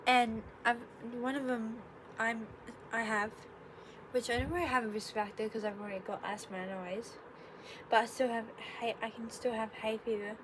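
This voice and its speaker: Her voice runs on the high side, fairly even in intonation, at a normal speed. A bit congested, the young woman gives a casual explainer vlog in her bedroom, rambling, self-correcting and tossing in sarcastic remarks, with noticeable room noise in the background.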